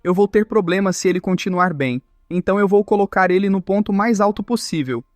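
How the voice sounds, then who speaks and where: A man's voice: high voice, brisk, darkish tone, dry recording, studio quality, soft background music, lightly acted. A man voicing a teasing strong young woman. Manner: teasing, mock-sweet.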